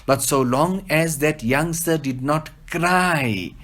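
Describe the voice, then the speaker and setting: Man, devotional discourse, unhurried storyteller. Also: fairly high pitch, fairly bright tone. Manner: storytelling, quotes couplets, slows for emphasis. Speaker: religious teacher.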